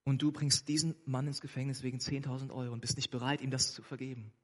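A man's voice: mid-range voice, steady tone, fast talker, natural voice. Brief: man doing a commanding king in a spoken parable, firm and declaring. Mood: angry. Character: powerful king, stern then merciful.

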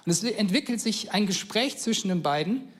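A man's voice: high voice, expressive, moderate pace. A man preaching a casual sermon, telling stories with enthusiasm and acting out quotes in everyday speech.

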